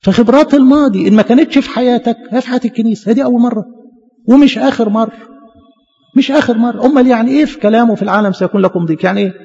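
A man's voice: very high voice, very fast, vocal fry, mellow, breathy edge. A man with an Egyptian Arabic accent preaching a sermon as a priest, impassioned and full of rhetorical questions. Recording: dull sound with long hall reverb.

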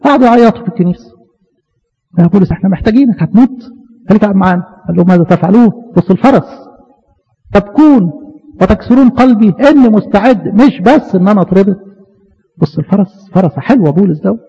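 A man with an Egyptian Arabic accent preaching a fervent sermon, asking his listeners questions and slowing down to quote scripture. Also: high-pitched, animated, dark tone, slightly rough, long reverb tail, highs cut off.

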